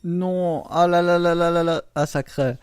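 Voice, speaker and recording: A man giving casual commentary on his game pulls, excitable and groaning aloud whenever the luck turns against him. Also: on the high side, unhurried, clean tone, no room sound, studio quality. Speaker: gaming YouTuber.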